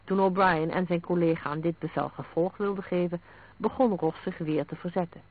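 A man reading a detective story aloud in a steady, measured way. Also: sits high. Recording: narrow phone-like sound.

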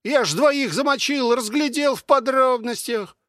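A man voicing a boastful, rough male soldier who talks in a crude, lazy drawl. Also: very high-pitched, a little slow, a bit bright, dry recording, clean studio sound, pitched above the performer's own voice.

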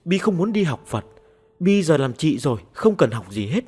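A sulky little ghost girl, as a man puts her on for an audio story, high and childish, pleading through tears. The voice is husky and swings wildly up and down. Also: sing-song, normal speed, warm tone.

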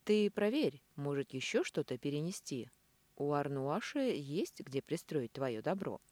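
A woman voicing a jealous male demon lover in an audiobook, speaking slowly and gruffly. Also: low-pitched, big pitch swings, a little mellow, no echo, heavily acted. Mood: calm. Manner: slow, gruff, grumbling.

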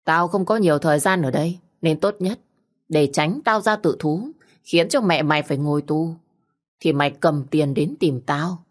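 A woman's voice: sits low, moderate pace. A woman voicing a mocking middle-aged male kidnapper who taunts and threatens bluntly, as a storybook figure. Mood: threatening.

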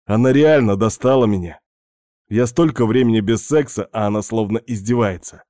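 A man's voice: fairly low pitch, moderate pace, mellow, no room sound, studio quality. A man reading a first-person story aloud in a plain, matter-of-fact way. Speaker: narrator.

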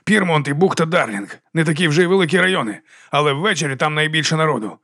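A man voicing a calm, authoritative police chief giving measured orders in an audiobook. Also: on the high side, voice pushed up. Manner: measured, commanding.

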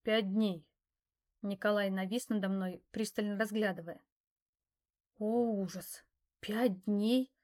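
A woman narrating a first-person novel, expressive and wry. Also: medium pitch, a little slow. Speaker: audiobook narrator.

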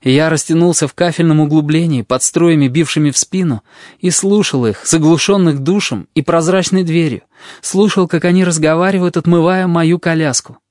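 A man narrating a novel in the first person, reading in a measured, quiet way. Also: a little high, no echo, studio quality. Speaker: audiobook narrator.

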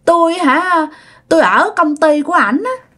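A Southern Vietnamese woman voicing a lonely female ghost who speaks through a possessed man in a shrill, girlish voice. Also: animated, normal speed, a bit bright. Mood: coy.

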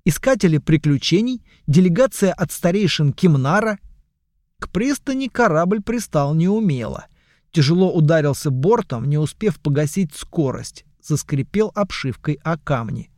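A man reads a first-person story in a measured, wry voice. His voice sits fairly high for a man. The recording is dry and close, with no room sound. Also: expressive, darkish tone, dry recording. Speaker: audiobook narrator. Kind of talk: scripted first-person narration.

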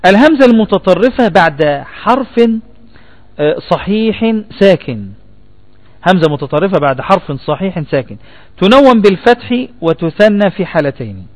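A man's voice: high voice, big pitch swings, normal speed. A man with an Egyptian Arabic accent teaching a spelling lesson, asking the class questions and repeating their answers.

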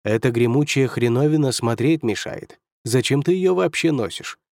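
A man's voice: medium pitch, lively intonation, normal speed, gravelly, a little mellow, dry recording, clean studio sound. A man voicing a brash male demon lord who mocks and snorts at the celestial court in an offhand tone. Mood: mocking. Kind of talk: audiobook character voice.

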